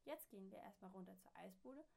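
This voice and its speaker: Woman doing a brisk easy-going dad. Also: medium pitch, expressive, creaky, warm tone. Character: patient, easy-going father.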